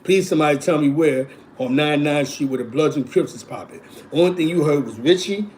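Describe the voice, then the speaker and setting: A show host from East Harlem, in his forties, talks brisk and a little high, his voice a touch mellow against slight background noise. His neighborhood stories ramble and repeat in a New York accent, patched with "you know what I'm saying," as casual streetwise storytelling.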